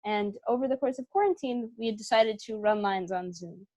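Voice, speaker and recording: A woman guesting on an interview chats casually, thinking aloud and hunting for the right words. She is an artistic director, and her mid-range voice is a little mellow and a little fast.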